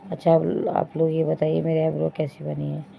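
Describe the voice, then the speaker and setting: A woman's voice: deep voice, monotone, a little fast, creaky. A young woman chatting straight to her viewers in a casual home vlog, pointing things out as she goes. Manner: chatty, addresses viewers directly, repeats "dekhiye". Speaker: vlogger. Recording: dull lo-fi phone audio with faint noise.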